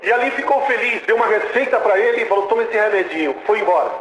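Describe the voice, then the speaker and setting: Animated Brazilian preacher man, echoey hall. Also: sits high, quick pace, heavy background noise. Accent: Brazilian Portuguese. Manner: animated storytelling, acts out dialogue, exclaims praise. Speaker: preacher giving testimony. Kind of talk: testimony preaching.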